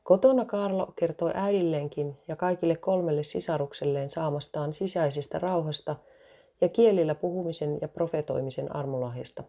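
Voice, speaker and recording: Woman storyteller, low mellow voice, steady scripted read. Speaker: narrator.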